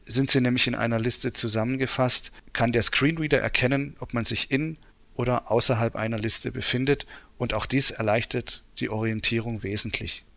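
A man presenting a software demonstration in tutorial narration. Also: medium pitch, fairly even intonation, moderate pace, creaky, dull audio. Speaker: presenter demonstrating screen reader.

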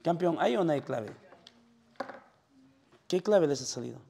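A Peruvian man teaches a math class, his voice gravelly and sitting a little high. He talks in short, prodding questions, calling on students again and again to answer. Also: animated, a little slow, warm tone, a little hiss or hum. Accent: Peruvian Spanish. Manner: quizzes students constantly, calling them "joven".

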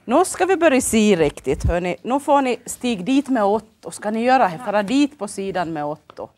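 A very animated woman with a medium-pitched, darkish voice and a Finland Swedish accent hosts a children's TV program. Working from a local studio, she prompts the kids with happy, sing-song questions.

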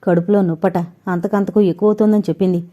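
A woman's voice: medium pitch, fairly even intonation, quick pace, lo-fi sound, natural voice. A woman voicing a panicky, devoted young man. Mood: anxious. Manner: flustered, anxious.

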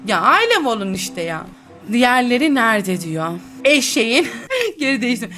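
A woman's voice: fairly high pitch, sing-song, moderate pace, bright, forceful tone, faint music behind. A young woman chatting and teasing through a role-play game, laughing often as she comments. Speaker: gaming YouTuber.

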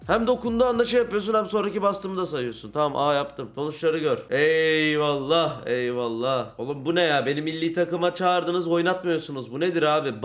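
A young man giving casual commentary on a football video game, getting frustrated, ranting and shouting at big plays. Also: on the high side. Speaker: gaming YouTuber.

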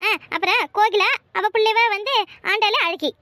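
An older village woman who speaks of her goats and cows as her children, earnest and tender, as a woman voices her. The voice is high and bright, recorded dry for a cartoon. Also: moderate pace, dry recording. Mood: listing.

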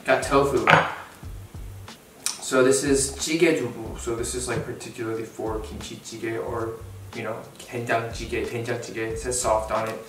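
Recorded by a camera mic set some distance away, this young adult man speaks at medium pitch with a level tone and an unhurried pace. He's cooking in his kitchen at home, musing out loud and joking about his own efforts. The room echoes, and a pan sizzles beneath background music.

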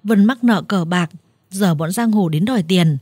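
A woman's voice: medium pitch, moderate pace, darkish tone, no echo, lightly acted. A woman voicing a broken seventy-year-old man who pleads in a weak, trembling voice. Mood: pleading.

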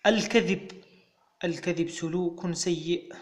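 A man's voice: sits high, fairly even intonation, measured pace. A man with a Moroccan Arabic accent, a teacher patiently walking young pupils through exam answers step by step.

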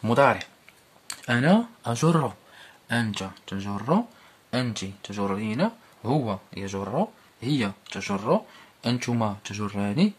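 A man with a Moroccan accent teaching a primary school Arabic lesson, explaining and repeating each word form slowly. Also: lowish voice, expressive, breathy edge.

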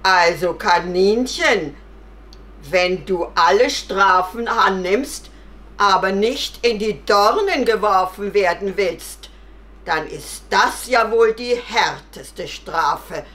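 A woman voicing a stern bear who passes judgment, in a firm, deliberate way. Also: medium pitch, a bit bright. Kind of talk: storytelling for children.

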